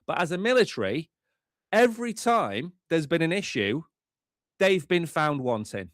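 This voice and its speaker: A man co-hosting a live stream, bantering in an animated, teasing way. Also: on the high side, moderate pace, no echo. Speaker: co-host.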